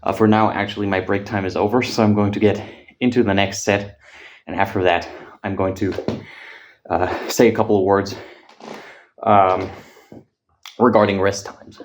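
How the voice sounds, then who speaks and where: A fitness vlogger talking casually between gym sets. He is out of breath and speaks haltingly, with frequent filler pauses and casual swearing. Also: on the low side, steady tone, noisy background.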